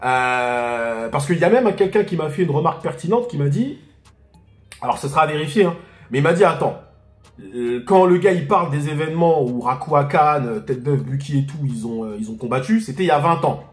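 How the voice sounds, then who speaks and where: A man reading a manga chapter aloud and reacting to it for viewers, in excitable, slangy casual talk that bursts into shouts and laughter at the fights. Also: on the high side, brisk, echoey room, faint music behind.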